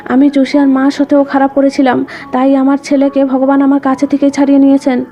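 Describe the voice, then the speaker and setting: Flat high-voiced woman narrating a drama recap. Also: fast. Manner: reads quoted dialogue in the same even narrating voice. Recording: dull lo-fi voice-over with background music.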